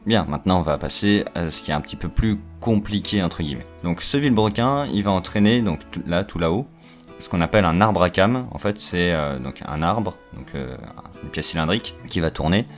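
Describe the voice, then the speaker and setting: A man's voice: deep voice, lively intonation, a little fast, faint music behind. A young man chatting through an engine explanation, full of fillers, restarts and joking asides. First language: French. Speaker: video creator explaining engines. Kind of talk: casual technical explanation.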